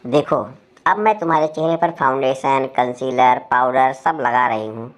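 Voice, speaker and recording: A playful young sister-in-law who bosses and mocks with relish, as a woman narrator puts her on. The lines are delivered in a low-set voice, as in a read-aloud story. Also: moderate pace. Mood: bossy. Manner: mocking, bossy.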